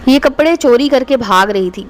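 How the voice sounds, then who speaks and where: A woman's voice: sits high, expressive, normal speed. A woman reading as a harsh, scornful shopkeeper. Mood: angry. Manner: gruff, scornful. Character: harsh greedy male shopkeeper, middle-aged.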